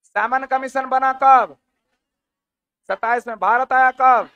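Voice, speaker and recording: A man's voice: extremely high pitch, steady tone, slow, dry recording, dull audio. A man teaching an exam-prep history lecture, firing off questions and repeating the answers again and again.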